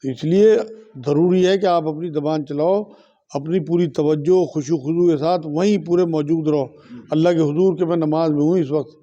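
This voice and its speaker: At a moderate pace, an Indian man serving as an Islamic scholar answers religious questions, repeating each aloud before issuing a firm and steady ruling. He speaks in a mellow, fairly high voice on a dull, lo-fi recording.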